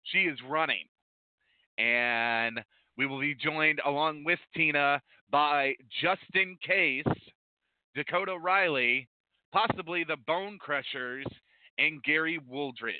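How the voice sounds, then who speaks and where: A man's voice: a little high, takes it slowly, no room sound. A man hosting a live internet wrestling radio show as its presenter. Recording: dull, muffled lo-fi audio.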